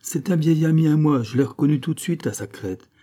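A man's voice: a little high, fairly quick, mellow, pitched above the performer's own voice, close to an everyday voice. A man reading a novel aloud, voicing a cheeky young man who talks with mocking, pompous grandeur.

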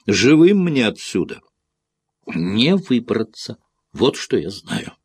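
A man voicing a frightened foreign traveller who insists, in a shrill, repeating voice, that he will be killed. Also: very animated, slow pace, slightly rough, no room sound, studio quality, full character voice. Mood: hysterical.

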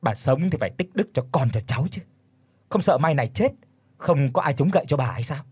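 A man voicing a sneering, sharp-tongued daughter-in-law, in an audio storybook. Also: mid-range voice, animated, a little fast, breathy edge, dry recording. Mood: scolding. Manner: sneering and scolding.

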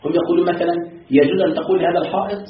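A man's voice: high voice, racing, a little hiss or hum. A man teaching a religious lesson, chanting verses and asking his students rhetorical questions. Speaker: sheikh teaching Quran commentary. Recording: echoey, distant, phone-like lo-fi.

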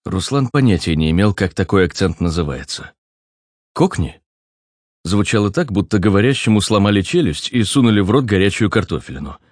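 A man narrating an audiobook in an even storytelling delivery. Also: on the low side, fairly quick, no room sound, clean studio sound.

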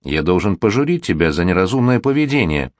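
Man voicing a stern lecturing father, deep voice, lively emphasis. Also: a little fast, dry recording, clean studio sound. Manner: firm, lecturing. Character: stern worldly middle-aged father, scolding.

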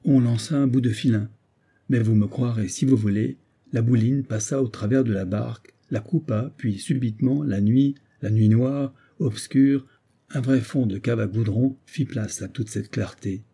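A grave, weathered sea captain telling of a ghostly voyage, read by a man. The voice is very dark and mellow with a husky edge, steady and solemn in a storybook manner. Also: mid-range voice, normal speed. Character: weathered male sea captain recounting an eerie tale. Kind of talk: scripted narration of a classic story.

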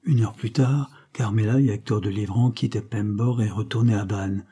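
Man reading an old novel out loud, dark husky voice. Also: fairly low pitch, fairly even intonation, normal speed. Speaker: audiobook narrator. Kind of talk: scripted narration.

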